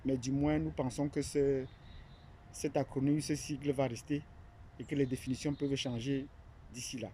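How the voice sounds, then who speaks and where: In an unscripted monologue, an academic from Cameroon presents his platform, hesitant and full of fillers and restarts. His mid-range, dark voice stays level at normal speed, with a little hiss or hum in the recording.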